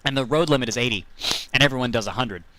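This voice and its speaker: There's background noise as a man with a medium-pitched voice talks quickly while streaming a driving game. He chats casually, rambling through jokey, self-deprecating stories for viewers.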